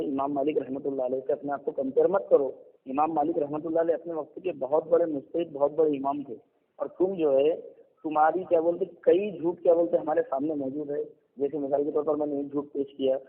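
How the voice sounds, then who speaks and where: Scolding man over an echoey phone line. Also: on the high side. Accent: Indian Urdu. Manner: scolding, repetitive, fillers. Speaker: debater. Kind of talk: heated religious debate. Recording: tinny phone line with reverb.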